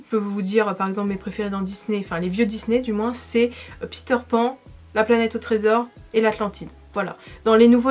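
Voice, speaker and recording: A woman's voice: mid-range voice, darkish tone. A young woman with a French accent, a makeup vlogger chatting casually to camera as she answers viewer questions, enthusiastic and full of fillers.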